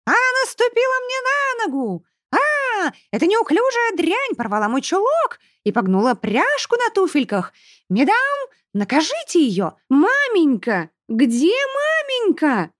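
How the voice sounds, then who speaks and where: Shrieking spoiled girl, whiny, very high pitch, swooping, storybook reading. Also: huge pitch swings, unhurried, fairly bright tone, no echo, studio quality, exaggerated voice. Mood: wailing. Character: shrill spoiled little girl, whiny and tearful.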